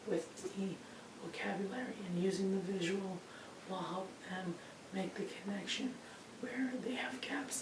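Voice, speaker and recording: Her voice nearly gone, a woman teaches an informal lesson with a hoarse, effortful croak that keeps breaking into a breathy whisper as she pushes to be heard. The voice sits mid-range. It's recorded from a distance in a roomy space, with noticeable background noise.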